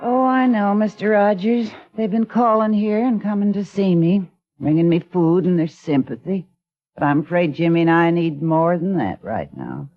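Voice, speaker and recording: In a 1950s-style radio drama, an actress plays a worried older widow raising her grandson, earnestly pleading for help. Her lowish voice is animated and moves at a normal speed, with soft music underneath. The recording sounds like a dull, lo-fi old radio broadcast.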